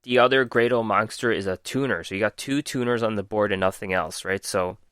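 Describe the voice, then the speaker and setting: A lowish, smooth voice with a fairly bright tone moves a little fast in studio-quality audio free of echo. The man hosts a casual card game review podcast, reading card text methodically and reviewing it with frequent ums while losing his voice.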